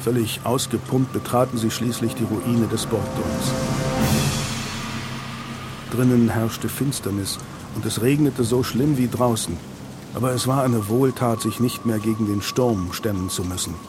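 Brief: male audiobook narrator, mid pitch, steady storytelling, music bed. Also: unhurried. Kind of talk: scripted narration.

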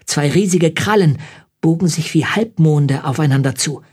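A man reading an audiobook aloud in measured, tense scripted narration. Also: a little high, darkish tone, slightly rough.

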